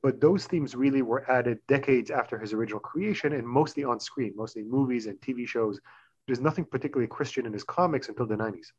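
A man's voice: mid-range voice, slightly rough. A middle-aged man from Israel, a guest author explaining his research in a fluent, lecturing way. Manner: fluent, lecturing, quick bursts. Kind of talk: explanatory interview talk. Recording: dull lo-fi audio.

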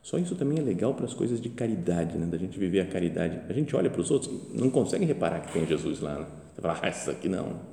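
Conversational priest homily, deep gravelly voice, roomy church echo. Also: male voice, racing, hardly any pauses. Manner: conversational, animated storytelling with acted quotes. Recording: echoey church with long reverb.

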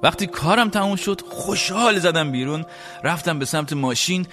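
Guy hosting a show, telling a funny story, super expressive voice going up and down. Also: on the high side, soft background music. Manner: animated, acts out quoted dialogue. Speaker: show host. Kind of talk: comic storytelling monologue.

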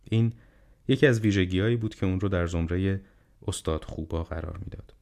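A man narrating an audiobook in a measured, quiet storytelling manner. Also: deep voice, creaky.

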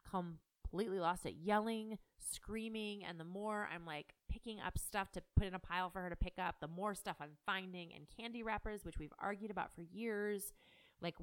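Brief: middle-aged mom, candid home vlog storytelling, smooth clear voice, frank and emotional. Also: female voice, fairly low pitch. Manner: frank, animated and emotional, swears freely. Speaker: mother and business owner.

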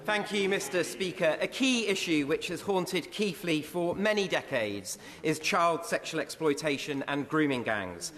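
A man speaking forcefully and insistently as a member of parliament in a heated debate. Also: on the high side, lively intonation, a little slow, few pauses. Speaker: member of parliament asking a question. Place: large indoor parliamentary chamber. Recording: reverberant chamber with crowd murmur.

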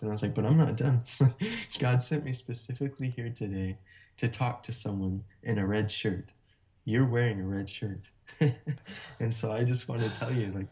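A man guest telling a personal story in a casual, animated way, often laughing between sentences. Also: fairly low pitch, normal speed. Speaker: interview guest. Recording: muffled lo-fi sound.

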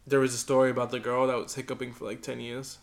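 A man in loose podcast banter, quick with a joke and free with swearing. His voice has a gravelly, creaky edge at a middle pitch. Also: flat delivery. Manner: joking, profane banter. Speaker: podcast co-host. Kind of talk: casual chat.

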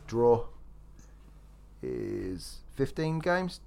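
A man's voice: medium pitch, sing-song, very slow, gravelly, darkish tone. A man hosting a live sports draw, announcing each number as a fixture and chatting casually in between. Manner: repeats each drawn number as a match announcement.

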